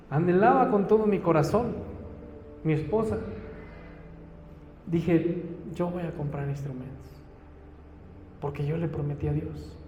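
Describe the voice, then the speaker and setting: A man's voice: a little high, a little mellow, lo-fi sound, a little hiss or hum. A man with a Mexican Spanish accent, a pastor preaching an earnest sermon and telling a personal testimony, acting out the dialogue of his story. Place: church hall. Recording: echoey church hall, faint ambience.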